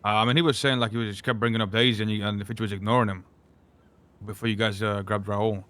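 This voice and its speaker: A man's voice: on the low side, steady tone, fast, a bit bright. A man mediating in an in-character group discussion, hedging before he makes his point. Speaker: roleplay gang member.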